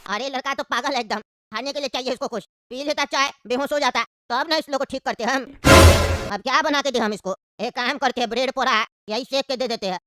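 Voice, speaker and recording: Woman doing a sly old uncle, low and coaxing. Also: a little fast, sharp tone. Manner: coaxing, evasive, insistent. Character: scheming old male uncle, tea-maker.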